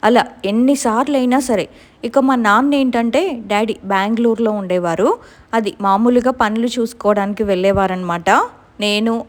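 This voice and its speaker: A woman's voice: on the high side, a little mellow. A young adult woman recounting her own frightening experience in a casual, conversational way, slipping English words into her talk. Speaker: storyteller. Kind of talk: casual first-person horror story.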